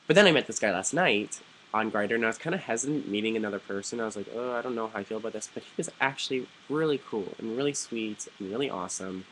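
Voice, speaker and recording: A young man vlogging, telling a story casually to the camera with many "like"s and animated quoted voices. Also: fairly low pitch, quick pace, slight background noise, rough recording. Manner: chatty, animated, quoting others in lively put-on voices, frequent "like".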